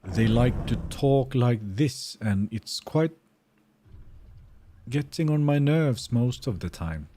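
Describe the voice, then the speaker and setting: A man from Sweden whose first language is Finnish streams a game and chats casually in a Swedish accent, thinking aloud and answering his viewers. His medium-pitched voice is dark and animated, he takes it slowly, and there's no room sound.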